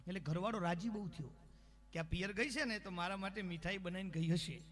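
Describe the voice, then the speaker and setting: A man's voice: sits high, brisk. A man telling comic stories live on stage, acting out characters and talking straight to the audience. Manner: lively, acts out quoted characters, talks straight to the crowd. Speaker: folk humorist on stage.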